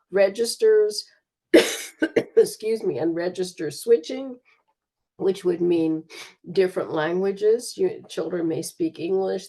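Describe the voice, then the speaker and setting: A woman talks through her slides in a casual, easygoing way, stopping often for fillers. Her voice sits a little low and sounds mellow and warm. She is recorded on a computer mic while sharing her screen. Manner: relaxed, chatty, with frequent fillers. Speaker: student presenter.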